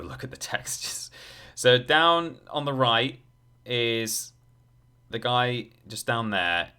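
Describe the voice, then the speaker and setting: With a deep voice that sounds pushed and bright, a man streams a video game live. He thinks aloud and chats casually with his viewers while video game music runs in the background.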